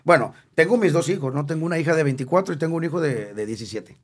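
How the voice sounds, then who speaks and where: A man's voice: a little high, expressive, quick pace. A Mexican singer in his fifties, a guest in a casual interview, talking candidly and emotionally, joking and repeating words for emphasis. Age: 50s.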